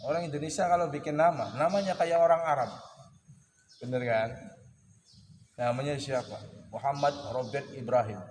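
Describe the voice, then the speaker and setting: A man teaching a casual weekly religious study session, joking and teasing his listeners and clearing his throat often. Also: medium pitch, fairly even intonation, moderate pace, long pauses, darkish tone. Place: boarding school study hall. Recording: echoey hall with clear birdsong and ambience.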